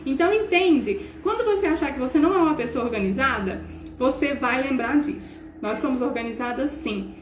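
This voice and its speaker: Chatty Brazilian woman host, high voice. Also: fairly quick. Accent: Brazilian Portuguese. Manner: animated, chatty, acts out scenes. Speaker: English teacher and host. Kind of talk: casual motivational talk. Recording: roomy echo, faint hiss.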